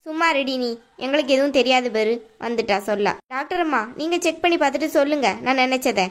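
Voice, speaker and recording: A nagging middle-aged mother-in-law from a cartoon, voiced by a woman, always scolding and mocking. Her voice sits high. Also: fast, lightly acted. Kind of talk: cartoon voice acting.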